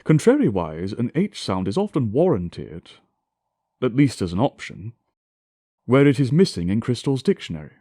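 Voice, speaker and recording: A man giving a scripted scholarly lecture in a formal, deliberate, declamatory way, with emphatic enunciation and touches of reconstructed Shakespearean English pronunciation. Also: medium pitch, very animated, dark tone, dry recording, clean studio sound.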